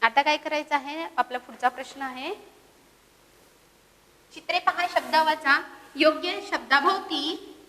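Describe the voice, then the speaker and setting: High-pitched woman, slow, primary school teacher, sing-song questions, long echoing reverb. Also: bright, forceful tone. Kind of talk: classroom lesson for young children.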